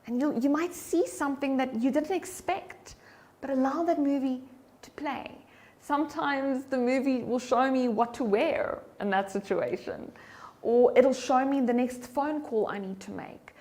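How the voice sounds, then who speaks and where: Expressive woman giving a motivational talk. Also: unhurried. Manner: expressive, shifts pitch and loudness for emphasis; drops to soft whispers when demonstrating breathing. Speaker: keynote speaker and voice coach.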